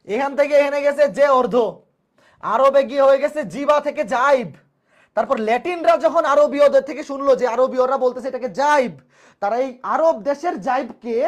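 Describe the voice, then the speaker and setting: A teacher gives a live online maths lecture, repeating each point and asking the class rhetorical questions. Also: high-pitched. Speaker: math teacher.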